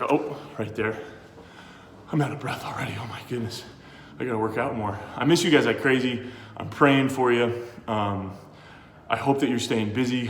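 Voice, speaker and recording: A man's voice: medium pitch, a little hiss or hum. A man coaching, casually demonstrating exercises and talking straight to the kids he teaches in a friendly, encouraging way. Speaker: sports coach. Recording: roomy echo with long reverb.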